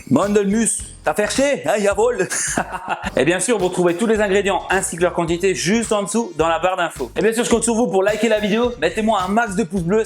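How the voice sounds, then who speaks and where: A man hosting a casual cooking vlog, chatty and jokey, who often laughs and talks straight to his viewers. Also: high-pitched. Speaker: cooking channel host.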